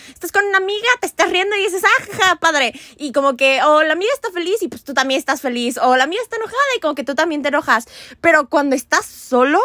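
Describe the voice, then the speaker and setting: A woman's voice: sits high, fairly bright tone, no room sound, clean studio sound. A young woman, hosting a casual chat in an earnest, rambling, self-mocking way. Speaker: podcast host.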